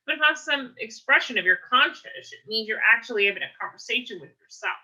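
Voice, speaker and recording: A woman's voice: on the high side, lively intonation, fast, bright, forceful tone, full character voice, low-quality recording. A woman reading aloud, voicing a cryptic, teasing teenage boy who is a ghost. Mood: wry musing.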